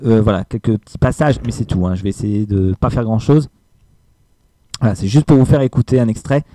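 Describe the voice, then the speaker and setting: A man's voice: fairly low pitch, fairly quick, warm tone, dry recording. A man giving a casual film review, hesitant with many fillers and emphatic asides.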